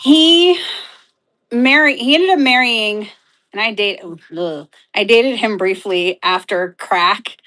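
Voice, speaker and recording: A woman's voice: on the high side, takes it slowly, pushed and bright, low-quality recording. A woman chatting on a live stream with her friend, telling a gossipy story in a disapproving tone. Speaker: co-host friend. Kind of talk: casual live-stream chat.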